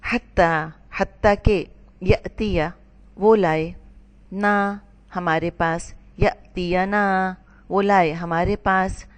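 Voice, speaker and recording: A woman teaching a word-by-word translation lesson, stating each word and its meaning slowly and deliberately, with short explanations of grammar. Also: medium pitch. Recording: long hall reverb.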